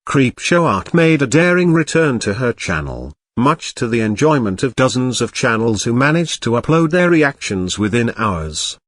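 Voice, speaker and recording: A man's voice: medium pitch, expressive, moderate pace, hardly any pauses, fairly bright tone, no echo. Robot cat narrator, male, a man doing it, formal and snide, dry studio sound. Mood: snarky. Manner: formal, archaic wording with dry sarcasm. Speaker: commentary narrator. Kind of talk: scripted drama-news commentary.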